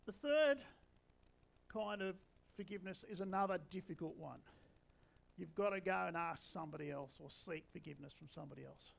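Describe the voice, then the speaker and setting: A preacher in his sixties with a notably high voice delivers his sermon. He talks to the congregation in a relaxed, conversational way, slipping in dry bits of humour. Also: a little fast, creaky, low-quality recording. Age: 60s.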